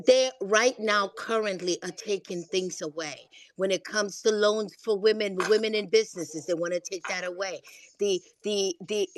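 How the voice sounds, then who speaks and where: A woman's voice: medium pitch, fairly bright tone. A woman speaking earnestly in an online audio room, often stopping and restarting her sentences. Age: older than previous speaker. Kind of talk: casual discussion.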